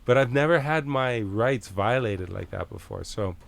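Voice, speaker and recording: A middle-aged Canadian man telling a story as a podcast guest, casual and animated, swearing freely and acting out the back-and-forth. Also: mid-range voice, moderate pace, gravelly. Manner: animated, swears freely, acts out quoted exchanges.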